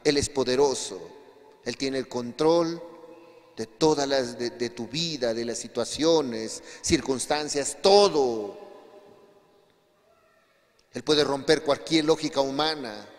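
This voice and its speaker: A male pastor preaching a sermon, telling a testimony with emphatic swings between quiet and raised passages. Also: medium pitch, takes it slowly, pauses often. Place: church hall. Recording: long hall reverb.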